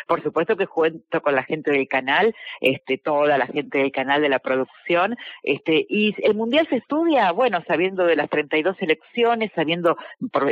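A woman's voice: low-pitched, dry recording. A woman with an Argentine accent, a football commentator answering interview questions in a confident, reflective way. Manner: confident, reflective, frequent "este" fillers. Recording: dull lo-fi dry sound.

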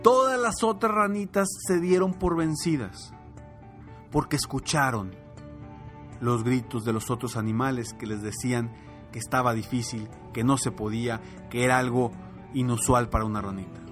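A man, a motivational coach and podcast host, telling a fable in an animated, repetitive way. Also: medium pitch, normal speed, soft background music. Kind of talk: motivational storytelling.

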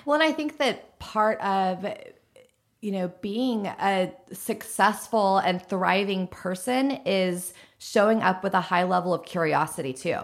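A woman's voice: medium pitch, measured pace, gravelly. A woman speaking as a podcast guest in casual interview conversation, articulate and reflective. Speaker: podcast guest, content creator.

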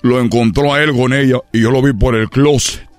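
A man's voice: medium pitch, fairly even intonation, fairly quick, no room sound, soft background music, close to an everyday voice. A man voicing a boastful male Cuban baseball player with a Cuban accent, telling a story in a radio comedy sketch. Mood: brash, boastful. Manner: brash storytelling, loud exclamations.

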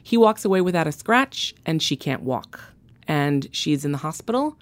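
A woman's voice: low voice, animated, moderate pace. A woman in casual podcast chat, telling a story with enthusiasm and acting out the characters' lines. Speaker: guest.

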